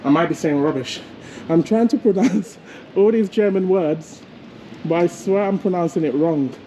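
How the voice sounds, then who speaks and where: A man's voice: high-pitched, moderate pace, dark tone, rough recording. A man filming a casual travel vlog while walking city streets, chatty and rambling, often laughing at himself. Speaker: travel vlogger. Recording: outdoor street noise with passing traffic.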